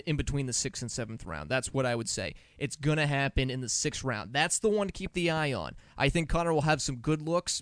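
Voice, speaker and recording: A man's voice: medium pitch, clean tone, no room sound. Joking male sports host, dry sound. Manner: lively, joking, teasing. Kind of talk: casual sports chat.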